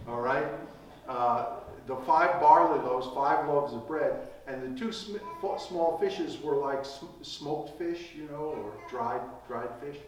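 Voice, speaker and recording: A man preaching a sermon in a conversational way, often checking in with his listeners. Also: on the high side. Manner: conversational, keeps asking "right?". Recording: echoey room, mic at a distance.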